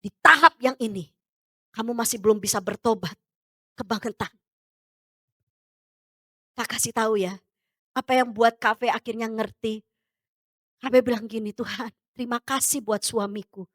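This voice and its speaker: A woman pastor preaching a sermon, emphatic, swinging between loud urging and soft low asides. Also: moderate pace, pauses often, no echo, clean studio sound.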